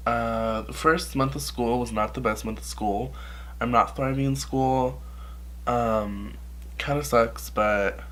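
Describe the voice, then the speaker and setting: A young makeup vlogger, sick with a cold, rambles through a tutorial to his camera in a stuffy, nasal voice of medium pitch and fairly bright tone. He swears freely and fills his talk with constant "like"s.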